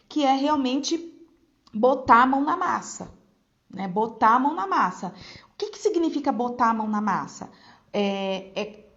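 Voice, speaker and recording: A woman with a Brazilian Portuguese accent who coaches other teachers in an informal online lesson. She speaks energetically, stresses and repeats key points, and keeps checking in with her listeners. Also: sits high. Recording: dull lo-fi sound.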